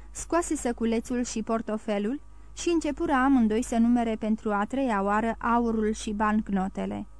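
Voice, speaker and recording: A woman narrating a classic novel as an audiobook in a steady, measured storytelling way. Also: on the high side.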